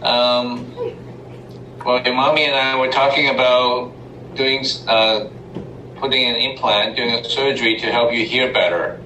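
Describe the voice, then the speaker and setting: A man speaking gently and haltingly as a doctor, reassuring a family about an upcoming surgery. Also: medium pitch, fairly even intonation, reverberant, slight background noise, low-quality recording.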